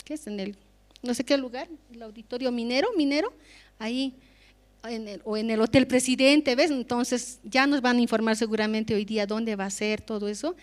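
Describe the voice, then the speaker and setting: A woman's voice: fairly high pitch, steady tone, moderate pace. A woman with a Bolivian Spanish accent giving an earnest, conversational testimony in church, often adding tag questions. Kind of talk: spontaneous spoken testimony in church.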